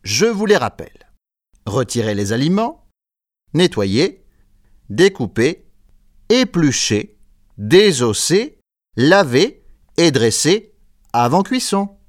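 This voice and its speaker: A man's voice: fairly high pitch, very animated, slow, pauses often, dry recording, clean studio sound. A man playing a stern head chef who gives orders to his kitchen brigade in a scripted textbook dialogue. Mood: firm. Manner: firm, commanding.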